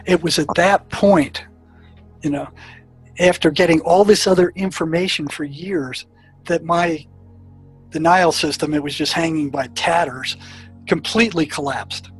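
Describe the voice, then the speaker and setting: In a slightly high voice, a man tells stories from his years as a prison therapist, speaking a little slowly and often stumbling, repeating words and restarting sentences. Soft music plays faintly beneath the low-quality recording.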